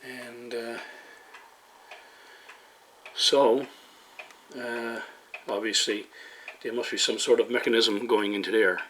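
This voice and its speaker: This man's voice sits at medium pitch, steady in tone yet bright and forceful, with a slow pace and frequent pauses. He presents a hobbyist radio repair video, muttering tentative, casual remarks as he works. Ticking and clicks fill the noisy home recording.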